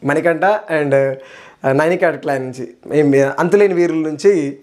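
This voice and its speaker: A man's voice: fairly high pitch, unhurried. A young man, casually reviewing a reality show episode and acting out what the contestants said. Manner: animated, acts out quotes, laughs, code-switches into English.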